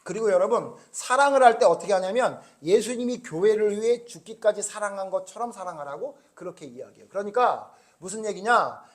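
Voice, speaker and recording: A man preaching a sermon as pastor, confrontational, firing rhetorical questions at the congregation and swinging between loud emphasis and hushed asides. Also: sits high.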